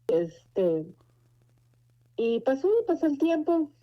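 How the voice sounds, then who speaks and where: In a muffled, lo-fi recording, a Mexican woman in her forties shares a personal faith testimony, telling her story earnestly and with a meandering drift. Her voice is high and very animated, though she speaks slowly.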